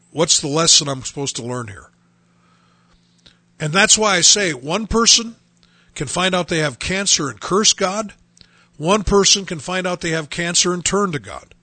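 A middle-aged pastor hosts a radio show and preaches with earnest emphasis. His voice is raised a little in pitch, gravelly and husky, with a bright, forceful edge. He often starts a phrase over before he finishes it. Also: no echo. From United States.

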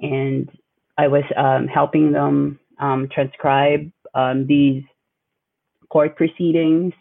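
Over a dry, tinny, phone-like line, a young graduate student from the Philippines fumbles through casual interview questions, filling gaps with lots of fillers. He speaks slowly in a flat, creaky voice that sits on the high side.

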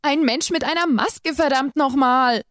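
A woman's voice: high voice, measured pace, darkish tone, no echo, studio quality, voice pushed up. A woman voicing a frantic young woman, bound and terrified, whose pleading voice cracks upward in panic. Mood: panicked pleading.

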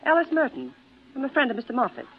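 A woman voicing a worried family friend in a 1940s radio drama, soft-spoken. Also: sits high, animated, fast, husky, heavily acted. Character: anxious concerned woman friend. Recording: lo-fi old radio recording.

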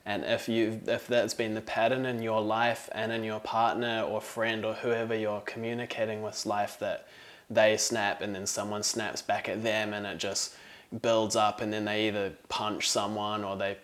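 Low, flat-voiced New man. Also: normal speed. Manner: earnest, acts out quoted lines with rising energy. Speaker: podcast co-host. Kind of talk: casual podcast chat.

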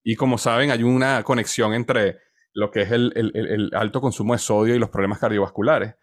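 A man's voice: fairly low pitch, fairly even intonation, fairly quick, no room sound, studio quality. A man in his forties with a Venezuelan accent, a podcast guest telling his story in a conversational, hesitant way, often repeating words as he searches. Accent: Venezuelan Spanish. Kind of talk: conversational interview answer.

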